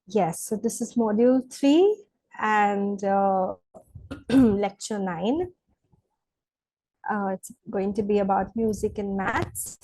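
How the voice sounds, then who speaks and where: A woman lecturing slowly and deliberately to students in a recorded online lesson, with some fillers. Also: mid-range voice, dark tone, low-quality recording. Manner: slow, deliberate teaching with fillers.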